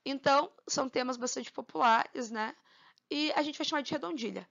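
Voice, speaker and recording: A woman teaching a literature lesson. She counts syllables aloud slowly and keeps asking for agreement with tag questions. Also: high voice, creaky, fairly bright tone, lo-fi sound.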